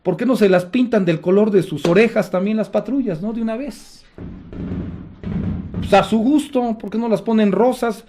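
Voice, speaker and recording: A middle-aged man with a Mexican accent hosts a political commentary, his voice sitting high for a man. He talks in a sarcastic, indignant way, mocking what he criticizes. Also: normal speed, dark tone, a little hiss or hum. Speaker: host.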